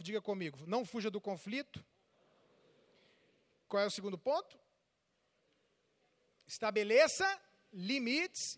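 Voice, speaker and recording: A man's voice: sits high, a bit bright. A man preaching a sermon as pastor, acting out the voices of people in his stories and asking the congregation questions. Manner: preaching with call-and-response questions; acts out church members' voices while telling stories. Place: large church. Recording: long reverb of a large hall.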